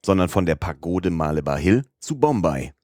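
A man voicing an impatient, excitable male servant in an audiobook, blurting out his lines. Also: low voice, normal speed, no echo, studio quality. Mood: excited. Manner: impetuous, blurting. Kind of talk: audiobook character reading.

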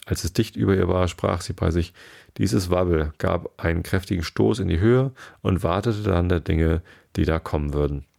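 Guy reading a kids' story aloud, real low voice, kinda gravelly. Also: a little mellow. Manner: slow, careful storytelling. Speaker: narrator. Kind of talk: audiobook reading of a children's story.

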